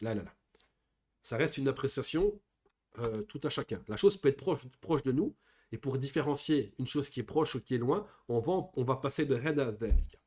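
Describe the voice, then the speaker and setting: A man's voice: medium pitch, expressive, normal speed, darkish tone, breathy edge. A man giving a beginners' lesson, reading Arabic words aloud and patiently explaining each one in French. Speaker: Arabic teacher. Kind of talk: classroom lesson explaining grammar.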